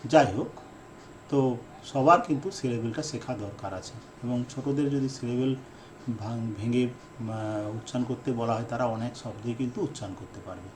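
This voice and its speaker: A man who is an English teacher giving a lesson, repeating his key definitions and speaking in slow, deliberate phrases with fillers. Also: medium pitch, noisy background. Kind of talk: explanatory lesson lecture.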